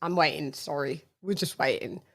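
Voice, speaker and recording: A woman from England hosts a laid-back live chat on her stream, laughing often and switching between English and Spanish. She speaks with an English accent in a low voice at a moderate pace.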